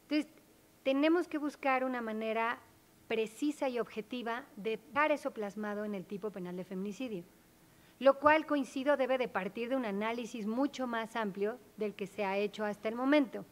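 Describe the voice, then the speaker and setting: A woman's voice: on the high side, moderate pace. A woman speaking on a panel, explaining her points earnestly and with emphasis. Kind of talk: academic panel discussion.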